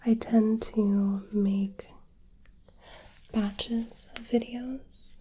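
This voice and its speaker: Whispering softly through a nurturing personal-attention ASMR roleplay, this female creator sounds slightly hoarse and sniffly from hay fever. Her fairly high voice is flat, she draws out her words, and the recording is rough.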